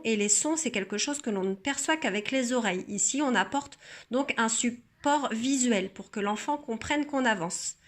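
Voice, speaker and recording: A woman teacher walks through a reading exercise step by step. She talks slowly and deliberately, stretching out each sound so a child can follow. Her voice sits a little high. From France. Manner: slow, careful explaining with sounds drawn out. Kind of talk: instructional demonstration.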